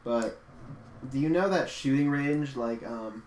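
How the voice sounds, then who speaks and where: A young man in casual podcast chat, jokey and quick to laugh, asking questions. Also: medium pitch, darkish tone. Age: young adult. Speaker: podcast co-host. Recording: roomy echo, faint hiss.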